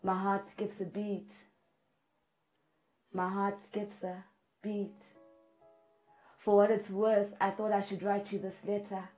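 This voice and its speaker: A woman's voice: medium pitch, little pitch movement, slow pace, pauses often, faint music behind, rough recording. A middle-aged woman performing spoken word poetry in a studio, with rhythmic delivery and repeated refrains that build in force. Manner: rhythmic, repeating refrains, rising to loud intensity. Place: studio with patterned backdrop.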